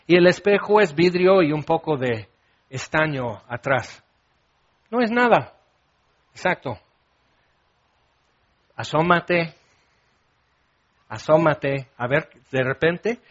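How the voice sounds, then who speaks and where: A middle-aged man preaching a sermon, animated and dramatic, acting out little scenes as he talks. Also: a little high, highs cut off. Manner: animated, acts out scenes with shouts and laughs. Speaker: pastor.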